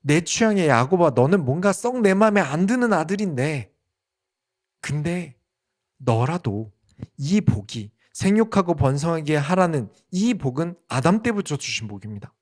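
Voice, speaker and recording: A man's voice: on the high side, big pitch swings, normal speed, voice pushed up. A man voicing an aging patriarch speaking earnestly to his son, as part of a sermon. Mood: resigned.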